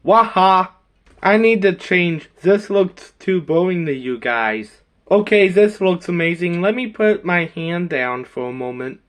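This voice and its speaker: A man's voice: high voice, animated, unhurried. A man narrating and voicing silly characters in a toy role-play video in a goofy way. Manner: goofy, playing many characters.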